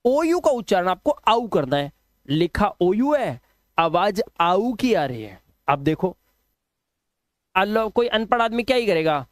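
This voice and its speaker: A man's voice: high-pitched, very animated, measured pace, no echo, studio quality. A male English teacher running a phonics lesson, drilling pronunciation rules and scolding his students.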